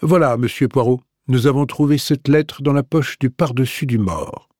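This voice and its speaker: A man voicing a fussy, excitable examining magistrate in an audiobook, with a raised, eager delivery. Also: mid-range voice, normal speed, no room sound, studio quality, lightly acted. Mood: animated.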